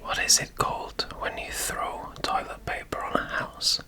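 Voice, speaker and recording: A man from England with a mixed English and Welsh accent appears as a guest on his girlfriend's ASMR channel, whispering through an accent tag. He's soft and hesitant, pausing often.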